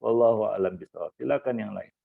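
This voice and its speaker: A man's voice: lowish voice, quick pace, creaky, husky. A man, an ustaz, giving a homely Islamic parenting talk to fathers, with teasing asides and many fillers. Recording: lo-fi phone-like recording.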